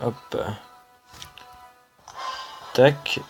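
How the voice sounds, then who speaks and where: Slow, hesitant French man over music. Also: a little mellow. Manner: hesitant, many "euh" fillers, slow and unhurried. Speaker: gaming channel host. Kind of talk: casual gameplay commentary. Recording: music playing under the voice.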